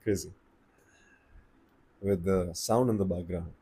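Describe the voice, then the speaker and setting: Calm deep-voiced man with an Indian accent. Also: breathy edge. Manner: slow, calm and deliberate, with pauses. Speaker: voice coach. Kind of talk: casual advice talk to camera.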